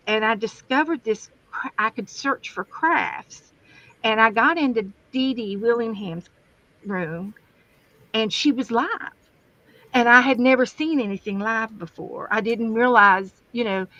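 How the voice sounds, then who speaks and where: A guest streamer with a West Virginian accent rambles through stories in a casual livestream from her home craft room. Her fairly high voice has a sharp edge, and the camera setup captures it as dull and dry.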